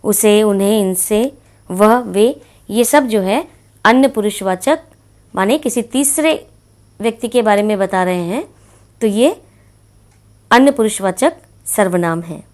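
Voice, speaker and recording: In a classroom-style grammar lesson for kids, a woman teacher explains things patiently with plenty of repeated examples. She has a mid-range, darkish voice, takes her time, and pauses often.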